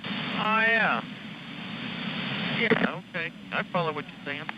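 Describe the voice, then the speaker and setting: A man's voice: sits high, takes it slowly. A man chatting casually on a radio net, hesitant and full of fillers, heard through slightly mistuned sideband radio. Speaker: radio net check-in operator. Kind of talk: casual on-air radio chat. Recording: muffled noisy radio reception.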